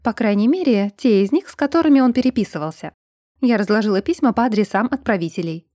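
A woman's voice: a little high, expressive, fast, warm tone, dry recording, studio quality. A woman reading the part of a bold young woman writer who speaks bluntly and matter-of-factly.

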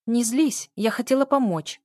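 A woman's voice: fairly high pitch, moderate pace, a little mellow, dry recording, voice pushed up, close to an everyday voice. A woman doing a sneering bratty sister. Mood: mocking. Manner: sneering, mock-sympathetic. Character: mocking dismissive younger sister.

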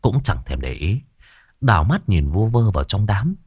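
A man tells a ghost story in an expressive way. His voice is fairly low and rises and falls a lot. The recording is dry and close. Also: moderate pace, slightly rough, no room sound. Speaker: narrator.

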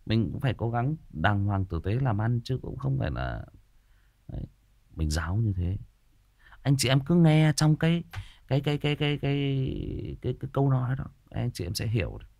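A man, telling a personal story in casual chat, frank and animated, with many fillers and repeated words. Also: mid-range voice, normal speed, vocal fry, no room sound, studio quality.

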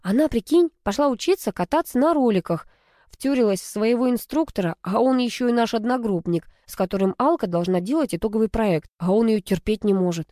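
Woman doing a cheeky young sister, chatters fast and high, mellow voice. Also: expressive, no room sound, clean studio sound. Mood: excited. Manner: quick, chattering, mischievous. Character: lively twenty-year-old female student, teasing sister.

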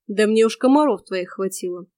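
A woman voicing an earnest warrior hero who speaks in a gruff, solemn, old-fashioned way. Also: a little high, moderate pace, a little mellow, no room sound, lightly acted.

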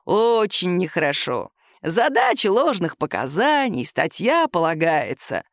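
A woman voicing a calm, caustic male police captain who questions a suspect slowly in an audiobook. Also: a little high, no room sound. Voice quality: nagging, dry. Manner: slow, calm, measured interrogation.

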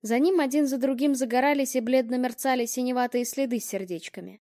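A woman reading an audiobook in a measured, even storytelling manner into a close mic. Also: high-pitched, no room sound. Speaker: audiobook narrator. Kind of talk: scripted narration.

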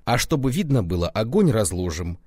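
A gruff, half-deaf old village constable who shouts his words in a hoarse, husky voice, raised above the speaker's own, as a man puts him on. The delivery swings widely in pitch, and the sound is dry and close. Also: big pitch swings, brisk, dry recording. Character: hard-of-hearing old male village constable.

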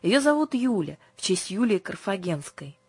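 A woman reading an audiobook, voicing a calm, polite older sister who speaks soothingly. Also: mid-range voice, normal speed, slightly rough, no echo, pitched above the performer's own voice. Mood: gentle.

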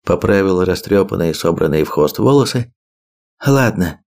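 A man reading an audiobook in steady, measured scripted narration. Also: on the low side. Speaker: audiobook reader.

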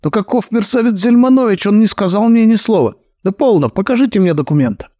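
Capricious, nasal whining from a panicky grown man, as a male reader puts him on, his pitch flying well above a normal speaking voice. The voice lurches dramatically between outrage and self-pitying lament. Dry and close, with a gravelly edge. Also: slow, no echo, exaggerated voice. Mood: indignant. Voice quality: nasal whine. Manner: excitable, theatrical lamenting.

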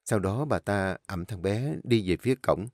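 A man narrating a first-person audio story with a measured, emotional reading. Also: fairly low pitch, animated, dry recording, clean studio sound. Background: soft instrumental music.

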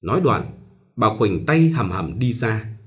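A man narrating a novel aloud in an expressive storytelling manner. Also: on the low side, slow pace. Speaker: audiobook narrator.

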